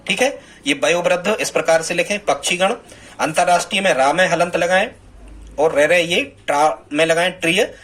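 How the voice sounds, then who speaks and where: A man's voice: high voice, moderate pace, a bit bright. A man teaching a Hindi spelling lesson to students, often asking a question and answering it himself. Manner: repeats words, asks and answers himself.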